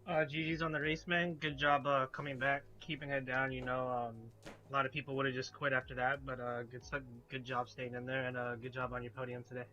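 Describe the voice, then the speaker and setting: A man, a fellow driver, offering low-key congratulations. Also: flat delivery, a little fast, sharp tone. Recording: dull lo-fi chat with faint music.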